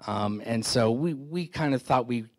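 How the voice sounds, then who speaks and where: A man's voice: medium pitch, measured pace, a little mellow. Middle-aged man telling stories at a meeting. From San Francisco Bay Area. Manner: conversational storytelling, self-deprecating humor, many restarts. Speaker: keynote speaker, FBI agent. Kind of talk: anecdotal keynote talk. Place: indoor meeting hall, standing before an audience. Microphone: handheld microphone.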